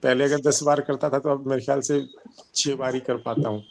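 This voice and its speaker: A man's voice: mid-range voice, level tone, fairly quick, creaky, a little hiss or hum. A man speaking plainly and sincerely as a student in a class. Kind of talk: casual sharing in class.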